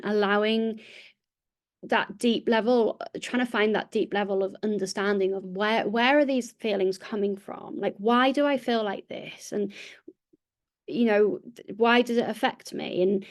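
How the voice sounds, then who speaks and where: A woman talking on a podcast in a reflective, chatty way, often restarting her phrases as she thinks aloud. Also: mid-range voice. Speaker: podcast guest and interviewer. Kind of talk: podcast interview conversation.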